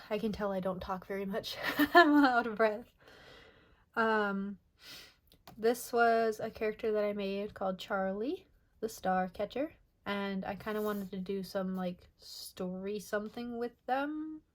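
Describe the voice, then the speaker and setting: A young woman casually narrating over her sketchbook pages, soft and rambling with many pauses and filler words. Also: medium pitch. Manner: soft, rambling, many ums and self-corrections. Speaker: artist showing her sketchbook.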